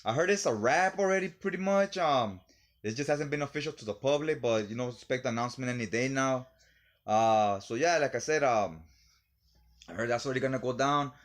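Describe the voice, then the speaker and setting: A man's voice: mid-range voice, a little fast. A man hosting his own vlog, talking loosely and rambling in casual commentary while a little tipsy from drinking. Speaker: video host.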